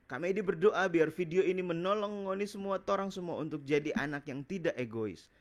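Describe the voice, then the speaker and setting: A man's voice: a little high, brisk. A man with a Manado Malay accent, leading a children's sermon and a guided prayer in an affectionate, encouraging way. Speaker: children's minister. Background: music.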